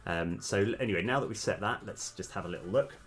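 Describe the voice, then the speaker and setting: Low-voiced man coding live, full of ums. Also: quick pace, fairly bright tone. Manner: hesitant, many ums, talks through code. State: slightly losing his voice. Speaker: game developer streamer. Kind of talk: live coding stream, thinking aloud.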